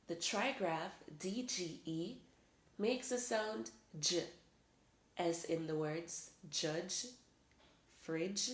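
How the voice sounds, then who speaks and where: Female English teacher, low-pitched, deliberate scripted delivery in an echoey room. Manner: slow, deliberate, careful enunciation. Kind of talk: scripted phonics lesson. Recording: roomy echoey sound.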